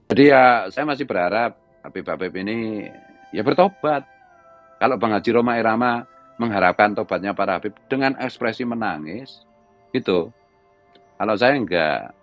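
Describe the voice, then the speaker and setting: A middle-aged man with a Javanese accent, a religious commentator who delivers a heated monologue, scolding in a loud, raised voice. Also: on the low side.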